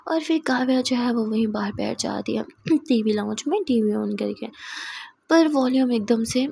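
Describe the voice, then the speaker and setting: A woman storyteller narrating an audio love story in a steady, plain way. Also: fairly high pitch, moderate pace, vocal fry, a little hiss or hum.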